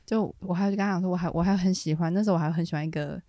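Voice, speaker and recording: Fast-talking young woman telling a story. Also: fairly low pitch, no echo, clean studio sound. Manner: animated, laughs often, quick rambling restarts. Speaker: podcast co-host. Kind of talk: casual storytelling chat.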